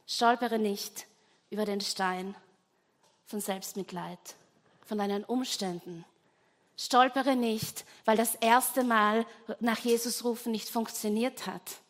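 Eine Frau predigt ernst und eindringlich und spricht die Zuhörer direkt an. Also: female voice, mid-range voice, flat delivery, measured pace. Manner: earnest, emphatic, addresses listeners directly. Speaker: preacher. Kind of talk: sermon.

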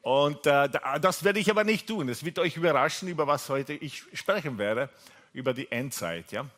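This Italian-accented pastor from Italy has a slightly high, fairly bright voice with lively intonation and normal speed. Preaching from a seat on a stage mic in a church hall, he rambles chattily through fillers and restarts and jokes with the people listening.

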